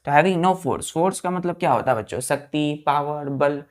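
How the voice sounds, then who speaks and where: A woman's voice: deep voice, expressive, normal speed. A woman with an Indian accent teaching a vocabulary lesson, spelling words letter by letter, repeating them and asking the students check questions. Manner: addresses students as children, asks check questions.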